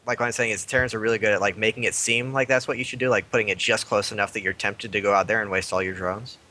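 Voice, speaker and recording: A man's voice: lowish voice, fairly even intonation, quick pace, pushed and bright. A man on a casual esports panel, explaining tactics in long runs with many "like" fillers. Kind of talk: casual esports analysis chat.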